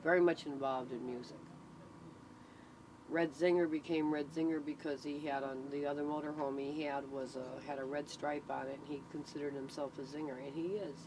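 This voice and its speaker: Speaking briskly with fairly even intonation, a middle-aged CB club member gives a relaxed interview, telling anecdotes to explain her points. Vehicle rumble fills the noisy, amateur recording.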